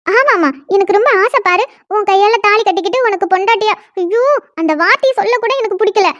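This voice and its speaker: A woman voicing a furious young woman in a cartoon who scolds and complains with shrill indignation. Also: a little fast, fairly bright tone, no echo, highs cut off. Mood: indignant. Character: young woman, furious, newly forced into marriage. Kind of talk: cartoon dialogue.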